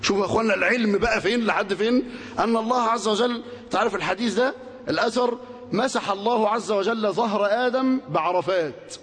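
A man with an Egyptian Arabic accent teaching a colloquial religious lesson, animated, reciting scripture and putting rhetorical questions to his listeners. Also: high-pitched. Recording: long hall reverb.

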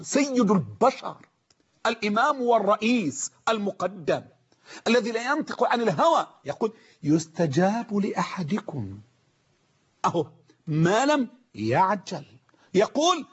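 A man with an Egyptian Arabic accent preaching a sermon, emphatic, repeating phrases and slowly drawing out quoted sayings. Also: sits high, husky. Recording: muffled lo-fi recording.

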